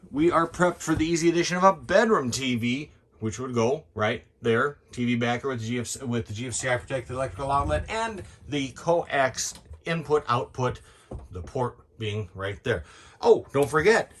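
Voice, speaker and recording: A man's voice: a little high, fairly bright tone. Chatty man giving a playful sales tour. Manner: chatty and playful, with jokey sound-effect asides; talks quickly, cramming in details. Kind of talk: product walkthrough tour. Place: inside a travel trailer.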